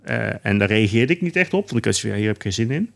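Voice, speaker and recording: A man on a casual podcast, telling an everyday anecdote in a relaxed way, full of "eh" and "I was like". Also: lowish voice, racing, gravelly. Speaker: podcast co-host.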